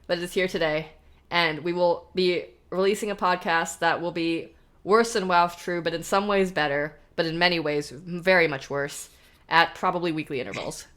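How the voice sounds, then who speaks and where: A woman's voice: lowish voice, fairly even intonation, normal speed, fairly bright tone. A woman hosting a podcast in casual chat, rambling and self-deprecating with frequent laughs. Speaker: podcast host.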